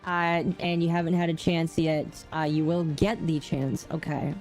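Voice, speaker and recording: A woman's voice: low-pitched, steady tone, normal speed, darkish tone, faint music behind. A woman streaming a game, talking casually through a voice changer in a chatty, rambling way that often corrects itself. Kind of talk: casual live-stream chat.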